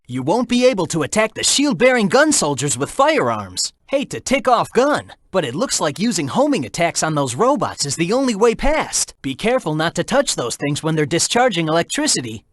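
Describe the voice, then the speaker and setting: A young male hedgehog hero in an action video game, brash and upbeat. The pitch swings wildly through short, slangy, energetic battle callouts. The sound is dry and studio-tight, and the delivery is cocky and urging. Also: no echo, heavily acted.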